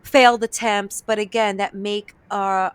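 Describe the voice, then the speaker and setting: A woman's voice: medium pitch, steady tone, a little slow, clear, resonant tone, no echo. A woman, a comedian and voice actor, chatting animatedly as a podcast guest and dropping Spanish words into her talk. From New York, of Dominican and Eastern European roots. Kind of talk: casual podcast interview.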